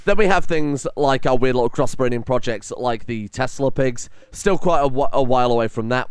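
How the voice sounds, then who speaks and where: A man's voice: mid-range voice, clean tone, dry recording. A man who is a bit under the weather, giving casual, rambling game commentary with dry, joking asides. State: slightly under the weather, voice not fully woken up. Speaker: gaming video host. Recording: light music behind the voice. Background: music.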